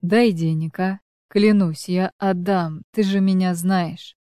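A woman reading the lines of a broke, sullen divorced man who pleads with his ex-wife, in a smooth voice. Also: on the low side, fairly even intonation, slow pace, dark tone, dry recording, studio quality. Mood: sullen, pleading.

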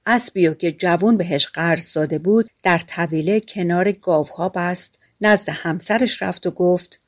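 A woman narrating a fairy-tale audiobook in a steady, measured storytelling manner. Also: on the low side.

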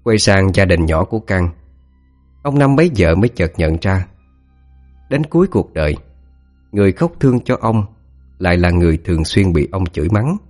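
A man telling a scripted ghost story in a dramatic, expressive way. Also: low voice, normal speed, long pauses, soft background music.

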